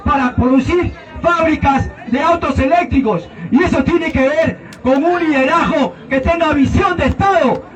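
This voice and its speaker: A Peruvian man giving a fiery, mocking campaign debate speech as a senate candidate. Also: very high voice. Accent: Peruvian Spanish. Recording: distant outdoor recording.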